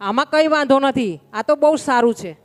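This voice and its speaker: A woman's voice: sits high, normal speed, big-room sound, pitched above the performer's own voice, natural voice. A woman voicing a cheerful male friend and dinner guest who jokes and reassures his host. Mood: jovial. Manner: jovial, reassuring.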